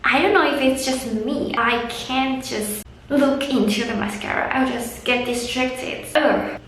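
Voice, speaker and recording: A tired woman vlogs from the floor of her room, rambling and teasing herself in a high voice. She speaks slowly, with a lot of echo bouncing around the room and a faint background hiss. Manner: rambling, self-deprecating, talks to herself. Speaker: beauty vlogger. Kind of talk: casual chat while doing makeup. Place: room at home, sitting on the floor. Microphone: camera in front of her. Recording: very echoey room.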